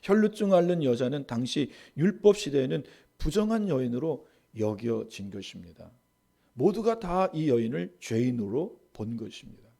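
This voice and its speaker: Gravelly-voiced Korean pastor preaching. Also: male voice, medium pitch, sing-song, normal speed. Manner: rises to loud emphatic stress, then drops to soft asides. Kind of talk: sermon.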